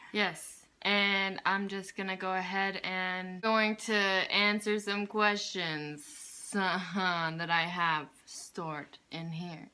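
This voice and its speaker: Playful bright-voiced woman interviewer. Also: medium pitch, little pitch movement, takes it slowly, hardly any pauses, clean tone. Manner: playful, teasing, chatty. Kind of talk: casual conversational interview.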